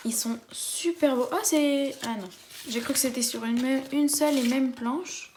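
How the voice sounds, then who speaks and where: High-voiced, chatty woman vlogger. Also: normal speed, noisy background. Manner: chatty and enthusiastic. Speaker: craft vlogger. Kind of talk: casual unboxing chat.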